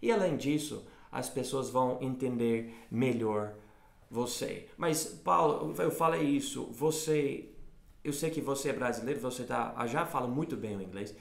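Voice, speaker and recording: Creaky-voiced man teaching. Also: medium pitch, roomy sound. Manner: explains slowly, repeats words for contrast. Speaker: English teacher and co-host. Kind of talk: casual bilingual lesson chat.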